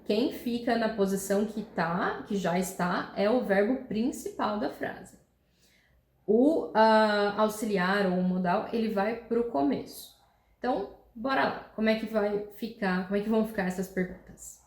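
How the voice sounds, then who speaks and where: Portuguese-speaking woman teaching English grammar. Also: medium pitch. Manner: explains patiently, checks in with "tá?" and "né?"; reads English examples slowly and clearly. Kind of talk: online grammar lesson. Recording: roomy echo.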